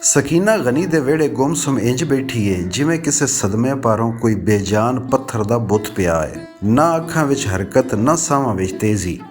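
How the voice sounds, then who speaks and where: A man's voice: mid-range voice, soft background music. Man narrating a village novel. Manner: measured, steady storytelling.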